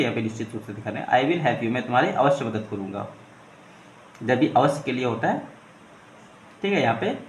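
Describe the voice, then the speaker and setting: Man teaching English with a roomy echo. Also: medium pitch. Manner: repeats 'ठीक है' often, asks questions and answers them himself. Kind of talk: explaining an English story line by line in Hindi. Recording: roomy echo, faint ambient noise.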